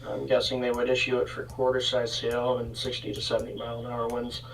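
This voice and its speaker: A man with a creaky, gravelly voice and fairly flat intonation gives casual live weather updates. He speaks haltingly and unscripted, as a co-host would, and sits a little away from the microphone. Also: medium pitch, a little hiss or hum. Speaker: severe weather livestream co-host. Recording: distant mic.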